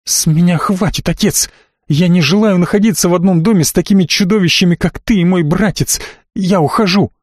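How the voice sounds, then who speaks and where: A fiery, indignant young noblewoman with red hair, as a male narrator puts her on. Her voice is pitched well above the reader's own and sounds dry and close, with no room around it. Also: a little fast, no room sound. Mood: outraged. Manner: raised voice, outraged pleading.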